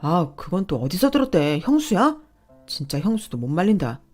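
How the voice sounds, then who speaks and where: A woman's voice: fairly low pitch, sing-song, moderate pace, darkish tone, soft background music. A woman voicing a brash, entitled young husband who talks back defensively and dismissively.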